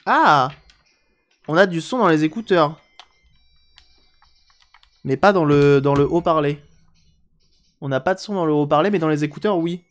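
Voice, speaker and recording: A man's voice: a little high, normal speed, long pauses. A man chatting casually on a live stream while repairing a handheld console, joking and answering chat aloud.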